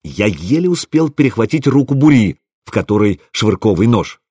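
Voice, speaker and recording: A man narrating an audiobook in the first person, with an expressive, wry delivery. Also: on the low side, normal speed, breathy edge, no room sound, clean studio sound.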